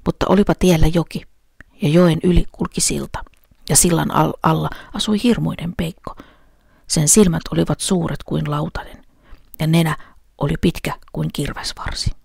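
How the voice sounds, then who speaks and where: Female children's storyteller, low husky voice, dry close sound. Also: steady tone, darkish tone, dry recording.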